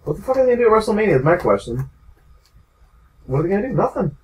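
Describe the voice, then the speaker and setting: A man's voice: high voice, very animated, rapid-fire. A young man co-hosting a casual wrestling podcast, laughing often and steering the talk to the next topic. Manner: laughs often, leads segments. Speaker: podcast co-host. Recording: roomy mic from a distance.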